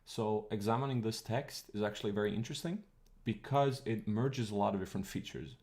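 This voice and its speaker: Croatian native guy streaming a language lesson, lowish voice, lots of fry, rambles and thinks out loud. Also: fairly quick. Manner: chatty, digressive, thinking aloud with fillers. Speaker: streamer teaching linguistics. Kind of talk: casual live-stream lecture.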